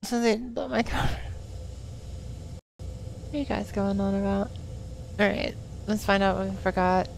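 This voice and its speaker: A woman's voice: medium pitch, fairly even intonation, a little slow, vocal fry, pauses often, a little hiss or hum. A woman streaming a video game, chatting casually, laughing often and swearing freely. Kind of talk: casual gameplay commentary.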